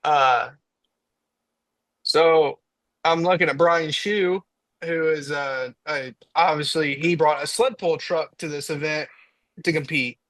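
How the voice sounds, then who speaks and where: A man's voice: a little high, fairly even intonation, slow, long pauses, fairly bright tone, no echo, low-quality recording. A young man from Indiana, a diesel truck racer on a podcast, telling a story in casual chat and acting out his own quotes.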